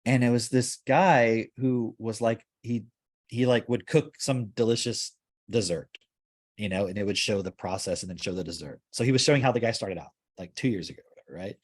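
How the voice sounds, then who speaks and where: A man with a voice on the low side hosts a casual podcast discussion, speaking fairly quickly. He rambles through his points, filling his talk with "like."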